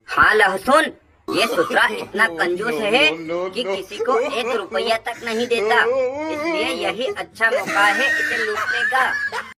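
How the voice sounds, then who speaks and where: A woman's voice: mid-range voice, natural voice. A woman voicing a scheming cartoon cauliflower. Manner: chatty, scheming. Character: female cauliflower, greedy and chatty. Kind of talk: comic cartoon voice acting. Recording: loud music behind.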